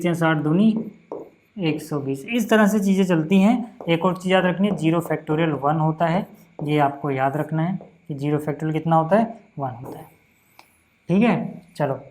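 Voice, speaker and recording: A young man teaching a casual maths lesson, patient and chatty, checking in often and slowing down to count out each step. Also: sits high, slight background noise. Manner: slows down to count out steps.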